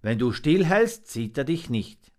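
A man reading a storybook aloud and voicing a gruff, wise old male raven with a rough voice and a commanding, stern manner. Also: mid-range voice, sing-song, unhurried, pitched above the performer's own voice.

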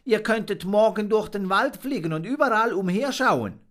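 A man's voice: expressive, moderate pace. Fips, a cheeky little monkey boy, as a man puts him on. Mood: earnest. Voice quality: high, bright childlike voice. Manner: taunting, then earnest and pleading. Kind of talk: storybook reading.

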